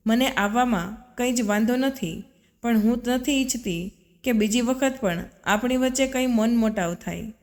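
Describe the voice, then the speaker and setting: A woman voicing a proud, headstrong young wife who speaks with sharp, indignant reproach, in a storybook reading. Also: a little high, a little slow. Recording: long reverb.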